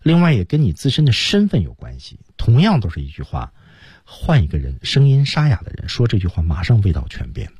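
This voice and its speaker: A man teaching English on a radio program, explaining pronunciation step by step and drilling words slowly. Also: on the low side, huge pitch swings, a little mellow, breathy edge, no room sound. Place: radio studio.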